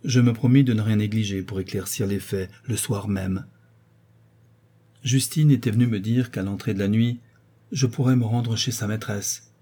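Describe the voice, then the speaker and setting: A man narrating a classic novel in a measured storytelling manner. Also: on the low side, steady tone, warm tone, breathy edge. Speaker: audiobook narrator.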